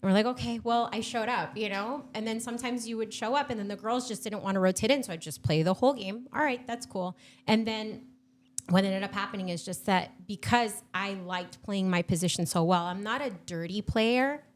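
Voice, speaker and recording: A woman's voice: mid-range voice, brisk. A woman in her thirties from Argentina, chatting enthusiastically as a podcast guest with plenty of fillers. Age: 30s. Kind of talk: casual chat.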